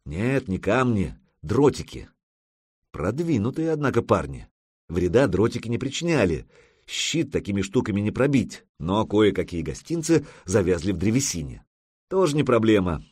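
Guy narrating an audiobook battle, husky low voice, really lively intonation, dry close mic. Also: no echo. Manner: expressive storytelling, punchy battle pacing. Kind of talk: scripted fantasy narration.

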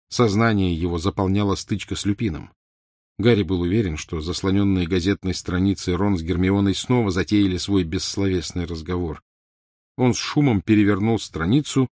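Low-voiced man reading a novel aloud. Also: darkish tone, no echo, clean studio sound. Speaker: audiobook narrator. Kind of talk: scripted narration.

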